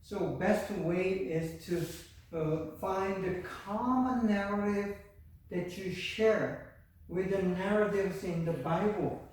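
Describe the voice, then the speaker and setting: An older man with a Korean accent lectures at a slow, halting pace, full of fillers and restarts. His voice sits high for a man. He sounds distant from the mic, in a strongly echoing room with faint ambience. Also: darkish tone. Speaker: university lecturer. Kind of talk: classroom lecture. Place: university classroom.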